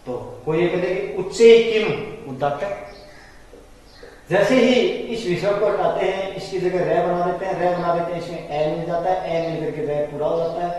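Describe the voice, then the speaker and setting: Male teacher, high-pitched voice, patient explainer, distant mic in a reverberant room. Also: darkish tone. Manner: explanatory, repeats terms slowly for students. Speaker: Hindi grammar teacher. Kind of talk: classroom-style lecture. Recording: echoey room from far off.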